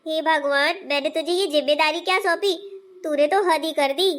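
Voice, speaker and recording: A woman's voice: sits high, steady tone, moderate pace, a bit bright. A woman doing a bossy older mother-in-law. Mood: scolding. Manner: scolding, exclaiming, then soothing. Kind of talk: cartoon family story voice acting.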